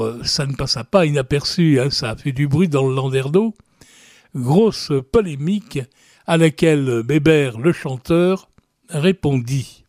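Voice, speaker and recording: A man's voice: on the high side, a little mellow, no echo, clean studio sound. A man hosting a radio program on French song, presenting in a chatty way with casual fillers. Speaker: radio host.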